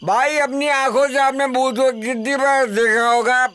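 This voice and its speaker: High, slow-talking drunk, jokey, easily spooked. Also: male voice, fairly even intonation, a bit bright. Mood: bantering. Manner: slurred, joking, then shrieking in panic. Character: drunk, cowardly young man who panics at ghosts. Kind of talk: comic dubbed film acting.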